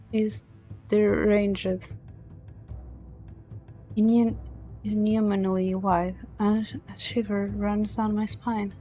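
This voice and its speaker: A woman's voice: medium pitch, darkish tone. A woman streamer reading story narration aloud from a visual novel, dramatic but stumbling over words now and then.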